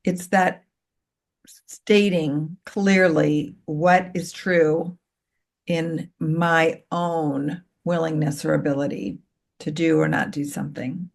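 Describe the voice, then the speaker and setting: Calm, lower-voiced woman coach explaining gently. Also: takes it slowly, vocal fry. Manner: calm, gently explanatory, gives worked examples. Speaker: co-parenting coach and author. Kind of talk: interview guest explaining ideas.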